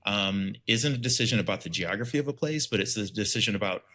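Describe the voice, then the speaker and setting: A man in his forties from Liberia, an educator telling his story in an earnest, reflective way, pausing with frequent ums. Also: on the low side, bright, forceful tone. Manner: thoughtful, many ums, earnest. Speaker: educator and author, podcast guest.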